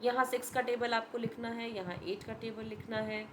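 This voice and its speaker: A woman's voice: on the high side, level tone, normal speed, noisy background. A woman teacher giving a patient, step-by-step revision lesson to young students, mixing Hindi and English. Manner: patient, explains step by step, addresses students as beta.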